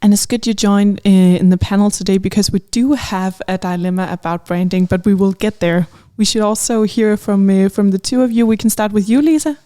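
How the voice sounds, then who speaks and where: A woman's voice: medium pitch, steady tone, warm tone, dry recording, clean studio sound. A woman hosting a panel podcast, introducing guests and moderating with short acknowledgements. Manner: friendly, moderating with quick acknowledgements. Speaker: podcast host. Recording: faint music in the background.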